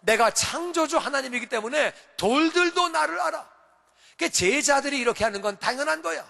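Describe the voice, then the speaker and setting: A male pastor preaching with a very high, bright and ringing voice. He drives each point home through emphatic repetition and rising calls. His voice carries a long church hall reverb. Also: lively intonation, a little fast, creaky. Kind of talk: sermon. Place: church sanctuary.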